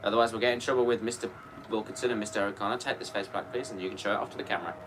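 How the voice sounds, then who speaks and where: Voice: mid-range voice, steady tone, very fast, noisy background. A co-host in a casual show-and-tell who chats through each item and corrects details along the way. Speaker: co-host presenting model props.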